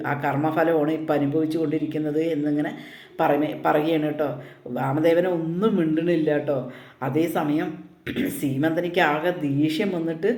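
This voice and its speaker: A man's voice: fairly high pitch, a little mellow. A man casually retelling an upcoming soap opera episode, quoting the characters' lines as he goes. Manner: retells scenes with quoted dialogue, frequent tag "കേട്ടോ". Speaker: serial episode recap narrator. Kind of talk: casual spoken plot preview. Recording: echoey room.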